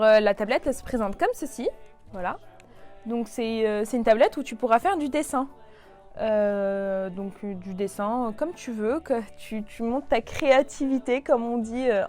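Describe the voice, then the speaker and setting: A young woman chats to her viewers as she shows off a toy, stopping and restarting her sentences with plenty of fillers. Her voice sits at a middle pitch. Soft music plays faintly underneath. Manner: chatty, lots of fillers and restarts. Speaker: toy review YouTuber. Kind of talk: casual presenting to the camera.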